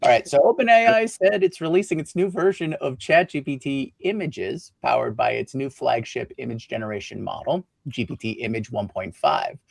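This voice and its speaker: A man's voice: mid-range voice, normal speed, gravelly, few pauses, husky, no room sound. A male co-host reading a tech news item, slipping in and out of an announcer voice. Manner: slips in and out of an announcer voice. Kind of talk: news segment.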